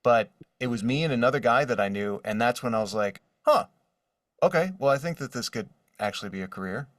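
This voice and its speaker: Expressive and a little fast, this man's mid-range, slightly bright voice fills a casual interview where he discusses working as a voice actor. Drawings are visible behind him indoors. The sound has studio quality but is roomy, as the mic sits at a distance.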